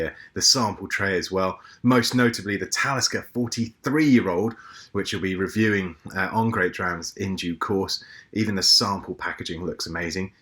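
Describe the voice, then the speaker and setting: Low, bright-toned British man. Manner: enthusiastic, wry asides. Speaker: podcast co-host reading the news. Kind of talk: casual podcast news segment.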